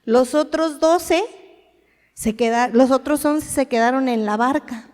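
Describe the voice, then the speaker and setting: A woman with a fairly high voice preaches a sermon. She talks to the congregation in a conversational way, asks them questions and acts out short quoted lines of dialogue. A long hall reverb trails her words. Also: unhurried, darkish tone.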